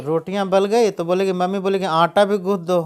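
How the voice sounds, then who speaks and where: A woman teaching spoken English to children with an Indian accent, slowly repeating each English phrase after explaining it in Hindi. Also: mid-range voice, steady tone. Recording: loud crowd and noise behind.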